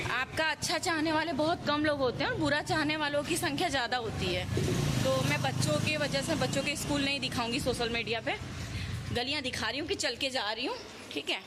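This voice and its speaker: A housewife vlogging on foot through city streets, chatting directly to her viewers on a handheld phone. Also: high-pitched. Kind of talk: casual walking vlog. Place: city street outdoors, walking. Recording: loud street traffic noise. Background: traffic and street sounds.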